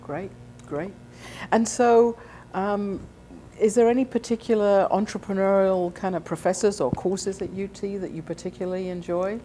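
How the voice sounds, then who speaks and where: A woman interviewing a student, asking questions in a friendly, halting way with many fillers. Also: mid-range voice, fairly even intonation, warm tone, a little hiss or hum.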